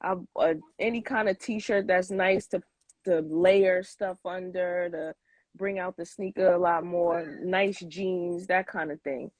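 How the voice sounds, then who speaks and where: A fairly low, steady female voice comes through a dry recording at a slightly slow pace. She's in her forties, a sneaker collector guesting in a casual interview, musing aloud and rambling a little.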